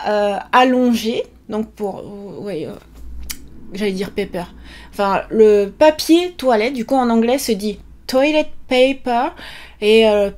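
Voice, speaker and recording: Chatty woman teaching vocabulary, slow. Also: fairly high pitch. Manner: chatty, laughs often, drills with repeated questions. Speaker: Japanese language teacher. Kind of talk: casual vocabulary lesson.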